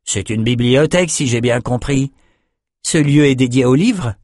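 A man's voice: mid-range voice, moderate pace, darkish tone, dry recording, clean studio sound, voice pushed up, close to an everyday voice. A man voicing a hearty, falsely cordial male reveler in an audiobook.

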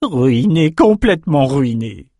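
A man's voice: a little high, level tone, normal speed, darkish tone, no echo, clean studio sound, pitched above the performer's own voice, lightly acted. A man voicing a whiny, self-pitying male merchant. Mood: whining. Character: whining overdressed male merchant.

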